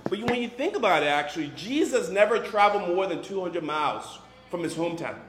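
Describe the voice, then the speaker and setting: Speaking fast and very animated in a high voice over loud music, this campus minister delivers an informal, joking sermon to a live congregation, peppering it with "you know" and "right." He's in his twenties or thirties, born in Liberia, and moved to Boston at thirteen. The large room carries some ambient noise, and the audio is echoey with faint background noise.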